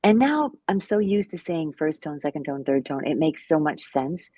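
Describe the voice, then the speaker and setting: A woman's voice: low voice, animated, moderate pace, warm tone, husky, no echo. A woman co-hosting a live language lesson, chatting casually with many fillers and little self-deprecating laughs. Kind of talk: casual live-stream teaching chat.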